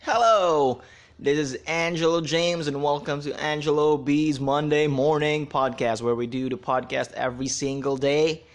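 A young man hosting a goofy, self-mocking solo comedy podcast and telling corny jokes. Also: mid-range voice. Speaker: podcast host.

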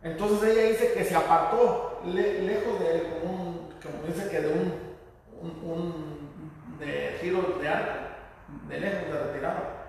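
A man preaching a sermon. He speaks haltingly, repeats words, and tells the story with feeling. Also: a little high, steady tone, a little mellow, slight background noise. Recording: echoey hall from far off.

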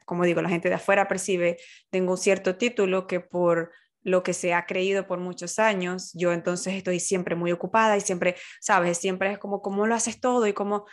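A woman in casual conversation who speaks thoughtfully and searches for words with small fillers. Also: on the low side. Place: working from home.

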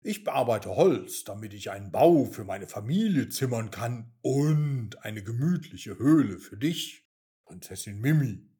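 A man voicing a hardworking beaver in a children's story, speaking loudly in a lower voice. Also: lively intonation, unhurried, lightly acted. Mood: hearty.

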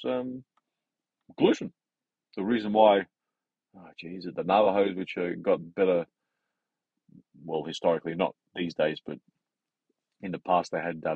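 A low, husky man talks about health in a loose, rambling monologue. He stumbles, restarts and fills gaps with "uh" and "um". The recording sounds dry and muffled, close and dull. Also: no echo. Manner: rambling, hesitant, with many fillers and restarts. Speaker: health advisor. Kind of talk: casual monologue.

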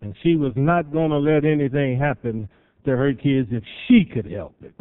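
A middle-aged man preaching a sermon, telling family stories and swelling loud for emphasis, then dropping soft. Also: mid-range voice, normal speed, dry recording, phone-quality sound. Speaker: pastor.

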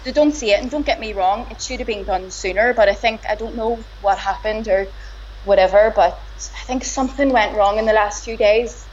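A woman with a broad Belfast accent speaks fairly quickly in a mid-range voice as a guest in a casual interview, where she is the boxer's partner. Her talk is hesitant and conversational, with slight background noise and a slightly dull lo-fi sound.

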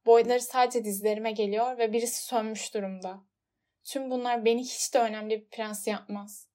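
A woman voicing a gentle, polite little prince, earnest and wondering, pitched above her narrating voice. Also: fairly even intonation, normal speed, lightly acted. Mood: sad.

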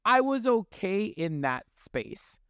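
A man's voice: sits high, very animated, takes it slowly, a bit bright, clean tone, no room sound. A male podcast host talking candidly in casual studio chat, telling stories, laughing often and swearing freely.

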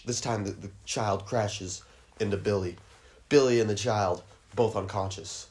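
A man hosting a comedy podcast, rambling crudely through a stream of ums and restarts and breaking into shrill squealed sound effects. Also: a little slow, darkish tone. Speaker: podcast host.

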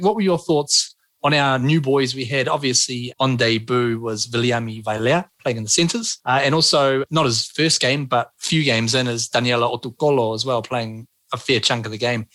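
A man's voice: mid-range voice, fairly even intonation, moderate pace, fairly bright tone, no echo. Casual New Zealand man hosting, close and dry. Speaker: podcast host. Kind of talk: casual chatty sports podcast hosting.

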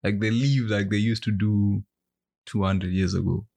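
A man's voice: on the low side, steady tone, normal speed, gravelly, darkish tone. A man from Zimbabwe chatting on a podcast, telling stories animatedly and mimicking people, laughing often. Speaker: podcast co-host. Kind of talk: casual chat.

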